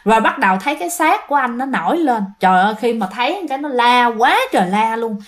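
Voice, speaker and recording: A woman's voice: on the high side, expressive, fast. Chatty woman telling ghost stories. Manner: chatty, addresses listeners directly, many fillers. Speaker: ghost story narrator. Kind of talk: casual spoken storytelling.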